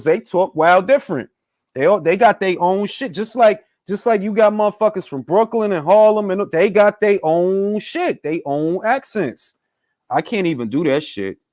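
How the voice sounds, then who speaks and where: A young man hosts a casual boxing talk stream, chatting live with viewers and bantering with loose, profane energy. His voice sits high and a little mellow, recorded in clean studio sound with no room sound.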